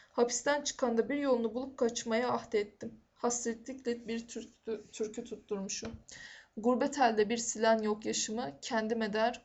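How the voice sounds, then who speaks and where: A woman reading a novel aloud in a measured, steady storytelling manner, on a dull lo-fi recording. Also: on the high side, gravelly. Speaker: audiobook reader.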